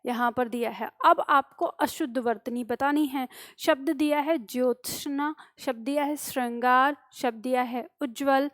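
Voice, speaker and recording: A woman's voice: high-pitched, no echo, studio quality. A woman teaching Hindi spelling for competitive exams, who explains step by step and asks and answers her own questions. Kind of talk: exam-prep lesson on spelling.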